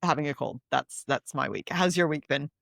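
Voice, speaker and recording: A woman co-hosting a podcast in casual chat, speaking with a cold, chatty and quick to laugh, often repeating her phrases. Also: sits low, vocal fry, a bit bright, no echo, clean studio sound. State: has a cold. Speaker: podcast co-host.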